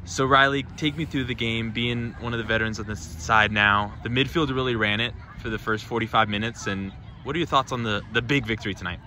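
Guy asking players postgame questions, kinda rambly, bright tone, light outdoor noise. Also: mid-range voice, fairly even intonation, a little fast, few pauses. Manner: long rambling questions, many restarts. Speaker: sideline interviewer. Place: outdoor soccer field at night.

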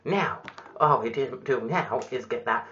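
A man's voice: mid-range voice, unhurried, pushed and bright, dull audio, slight background noise. A man presenting a comic spoof makeup tutorial in a chirpy, mock-instructional patter.

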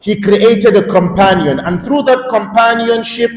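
A man's voice: high voice, measured pace. A middle-aged man from Nigeria giving an interactive Islamic lecture in a mosque, putting questions to the audience and speaking at a stand microphone. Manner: interactive, questions the audience, emphatic rising calls. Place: large mosque hall, indoors. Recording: echoey mosque hall reverb.

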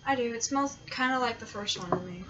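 A woman's voice: on the high side, fairly quick, pushed and bright, distant mic, highs cut off, slight background noise. A woman co-hosting a casual taste test, chatting in a playful, giggly way. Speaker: food vlogger co-host.

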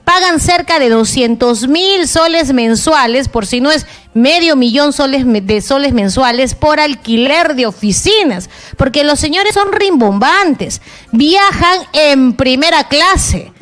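A woman's voice: high-pitched, lively intonation, measured pace, a bit bright. A middle-aged woman journalist giving impassioned political commentary, indignant and emphatic, talking straight to the listener.

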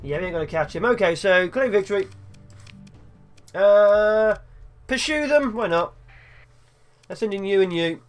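A man's voice: high-pitched, lively intonation, a little slow, pauses often, faint music behind. A young man hosting a game let's play, chatting and joking to himself as he plays. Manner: chatty, jokey, talks to himself while playing. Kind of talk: gameplay commentary.

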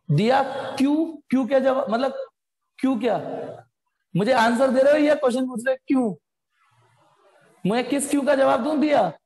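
A man's voice: extremely high pitch, darkish tone. Chatty male physics teacher. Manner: chatty, calls students beta, slangy asides. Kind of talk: live online class. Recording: echoey room with long reverb.

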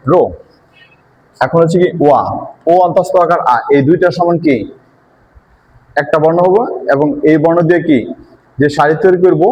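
A man's voice: fairly high pitch, a little mellow, lo-fi sound, a little hiss or hum. A man teaching a language lesson, patiently repeating and asking and answering his own questions. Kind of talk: step-by-step lesson explanation.

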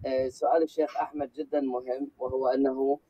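A man making a formal religious argument on a debate panel, measured and scholarly. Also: mid-range voice, flat delivery, breathy edge, lo-fi sound.

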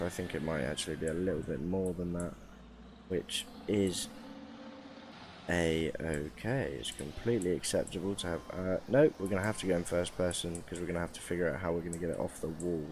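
A man's voice: low-pitched, a little fast, darkish tone, a little hiss or hum. A young man giving casual, rambling commentary over a mining game, tired and joking at his own expense. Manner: rambling, self-mocking, chatty. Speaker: gaming YouTuber.

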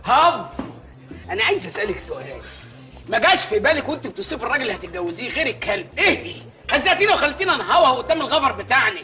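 An actor playing an excitable, boastful village mayor in a comic sketch, sarcastic and frantic. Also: male voice, heavily acted. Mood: mocking. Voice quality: high-pitched, rapid-fire.

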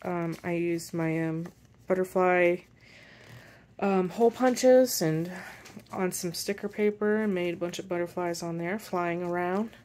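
Lower-voiced woman showing her crafts. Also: a little mellow, slight background noise. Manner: unhurried, pausing while handling pages. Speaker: journal maker and shop seller. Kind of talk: casual show-and-tell craft walkthrough.

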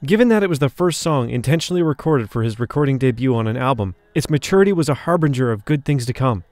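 A man's voice: medium pitch, lively intonation, quick pace, a little mellow, dry recording. A man reading a scripted documentary narration, shifting his emphasis from phrase to phrase.

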